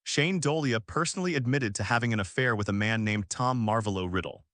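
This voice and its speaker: A man's voice: mid-range voice, fairly quick, fairly bright tone, dry recording, clean studio sound, lightly acted. Man reading as a nervous scheming woman reporter.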